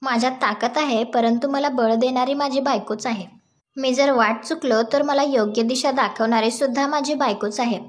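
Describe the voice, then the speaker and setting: A woman's voice: high voice, fairly even intonation, normal speed, close to an everyday voice. A woman voicing a proud, loving young husband in a plain reading voice, earnest. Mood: tender.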